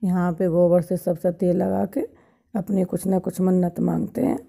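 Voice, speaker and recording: A woman's voice: fairly low pitch, flat delivery, moderate pace, gravelly, warm tone, husky. A woman narrating a travel vlog, showing viewers around temples outdoors. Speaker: vlogger. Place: outdoors at crowded temple sites. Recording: crowd noise around. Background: crowd noise.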